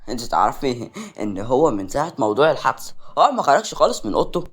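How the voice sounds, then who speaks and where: رجل يؤدي أختًا شابة حنونة. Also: male voice, mid-range voice, sing-song, rapid-fire. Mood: gentle. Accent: Egyptian. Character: caring young sister, gentle.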